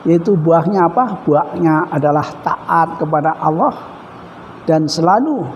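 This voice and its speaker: A male preacher giving a measured religious lecture, reciting Arabic phrases between his explanations. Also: a little high, a little hiss or hum. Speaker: Islamic preacher. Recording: dull reverberant hall recording.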